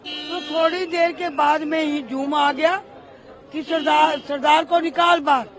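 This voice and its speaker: A woman's voice: sits high, fairly even intonation, measured pace, vocal fry, a faint crowd. An older woman giving an impassioned street interview as the widow of a riot victim, calling the reporter "beta".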